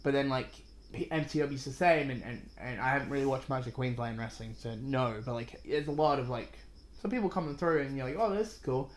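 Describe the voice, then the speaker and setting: An Australian man from the west of the country, talking casually as a podcast co-host. He is blunt and opinionated, with freely dropped swear words and a ranting flow, and his voice sits at an ordinary middle pitch. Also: brisk. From Western Australia.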